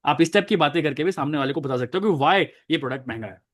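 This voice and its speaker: A young man in his twenties who trains network marketers plays a doubtful customer, then coaches viewers directly on how to respond, in animated role-play sales training. His voice is a little high and he talks fast.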